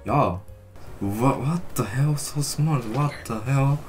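A man's voice: medium pitch, slow, faint music behind. A man, chatting casually and playfully with strangers as a video host. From Japan. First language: Japanese. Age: 20s. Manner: friendly, playful, switches languages easily. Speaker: language-learning video host.

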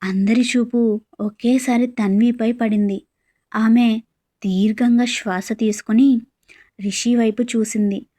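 A woman narrating an audio story with a slow, measured reading. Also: a little high, fairly even intonation, dark tone.

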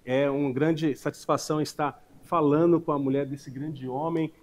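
A man's voice: a little high, steady tone, normal speed. A middle-aged man hosting an on-camera interview in a small restaurant bar, upbeat and chatty, with playful asides, on a lapel mic. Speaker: interviewer and show host.

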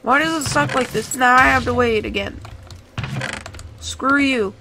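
Gravelly young man rambling over gameplay. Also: extremely high pitch, a little slow. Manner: rambling, excitable, talks to viewers. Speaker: gaming YouTuber. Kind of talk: casual gameplay commentary. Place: home room. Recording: noisy home mic with keyboard clicks. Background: keyboard typing and clicks.

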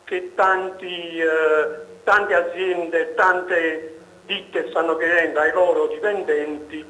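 A man calling in over the phone to a live television talk show. He talks in a halting way and keeps cutting in over the host. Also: fairly high pitch, fairly even intonation, pushed and bright. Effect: heard over the phone. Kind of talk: phoned-in question. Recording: echoey phone line.

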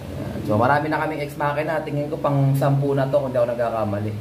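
A man's voice: medium pitch, steady tone, fast talker. A man from the Philippines, casually showing pigeons and their pedigrees to viewers, often calling them guys. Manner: chatty, keeps addressing viewers as guys. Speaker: pigeon breeder and vlogger. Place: pigeon loft with birds around. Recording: noisy loft with bird sounds. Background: pigeons cooing.

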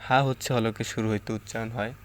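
A man teaching Quran letter pronunciation step by step, stretching out louder model sounds between calm explanations. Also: on the low side, quick pace. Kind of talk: slow step-by-step pronunciation lesson.

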